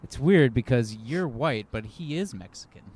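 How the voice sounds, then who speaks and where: A man's voice: medium pitch, animated, darkish tone, slightly rough. A young man co-hosting a podcast outdoors at a mall, teasing and joking in casual chat. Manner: jokey, teasing, quick to laugh. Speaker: podcast co-host.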